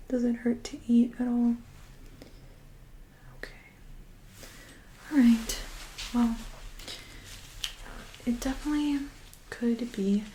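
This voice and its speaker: A woman performs a soft-spoken medical role-play in a soft, breathy voice. Her pitch sits a little high but stays very even, and she speaks slowly. Her manner is gentle, calm and reassuring, like a nurse at the bedside. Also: low-quality recording. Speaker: ASMR performer playing a medical examiner.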